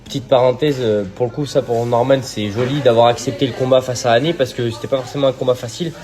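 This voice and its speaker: A man with a French accent in a casual podcast chat, breaking down the fight in quick, assertive analysis. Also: mid-range voice, fairly even intonation. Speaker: podcast co-host.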